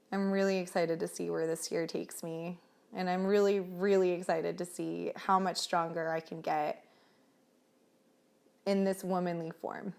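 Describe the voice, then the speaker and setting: A woman's voice: lowish voice, vocal fry, darkish tone. A woman talking earnestly and casually to camera in a motivational vlog, with fillers like "um" and "like.". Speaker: vlogger.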